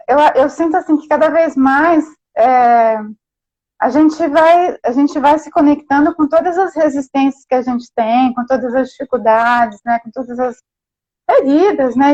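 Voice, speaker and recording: A high-voiced woman hosts a gentle talk, musing aloud in winding sentences and checking in with "né?" at every turn. The sound is muffled and lo-fi, like a video call. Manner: reflective, meandering, constant "né?" tags. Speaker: host therapist. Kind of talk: casual spiritual conversation.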